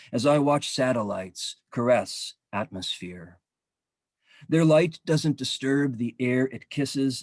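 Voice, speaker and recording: A man reads his own poetry over a video call, his voice sitting at an ordinary middle pitch. The sound is dry and close, with no room around it. He draws out the verses slowly and dramatically, then speaks in a relaxed, halting way between poems. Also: dry recording. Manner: measured, dramatic reading with slow drawn-out phrases; relaxed, halting asides with frequent ums. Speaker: poet. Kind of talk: poetry reading. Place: home, virtual event.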